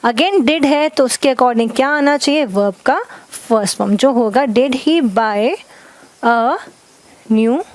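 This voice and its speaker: A woman teaching grammar in Hindi. She dictates example sentences slowly word by word and keeps checking in with "ठीक है". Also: fairly high pitch, no room sound. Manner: addresses viewers as "guys", repeats "ठीक है" often. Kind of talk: classroom grammar lesson.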